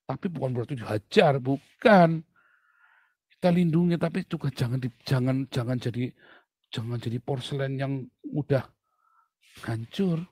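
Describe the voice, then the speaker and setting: A middle-aged man preaching a sermon as a pastor, blunt and animated, joking and laughing with his listeners. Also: mid-range voice, normal speed, pauses often, slightly rough, dry recording, poor audio.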